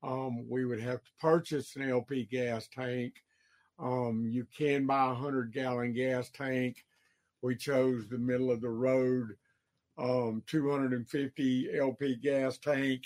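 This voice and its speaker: A man hosting a podcast on electrical work, explaining costs slowly with many ums and uhs, hiccuping now and then. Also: mid-range voice, level tone, darkish tone. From Georgia, USA. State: has the hiccups.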